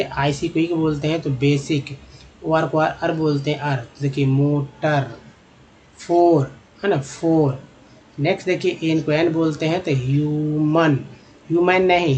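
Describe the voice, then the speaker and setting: A man's voice: fairly high pitch, a little mellow. Man teaching English phonics, repetitive. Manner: repeats words slowly, addresses viewers as friends. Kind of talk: phonics lesson.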